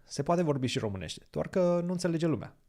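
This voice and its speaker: A fast-talking young man with a slightly high, mellow voice sounds very animated. He co-hosts a chess podcast stream, reading chat, chatting casually with viewers and thinking moves through aloud, and Romanian is his first language.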